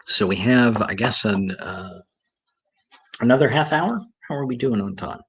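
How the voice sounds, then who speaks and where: A man gives a talk and reads out old etiquette rules at an unhurried pace. His voice sits at an ordinary middle pitch. Between the rules he drops dry, wry asides. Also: animated. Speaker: speaker giving a talk on vintage manners. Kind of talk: talk reading from an old etiquette book with comments.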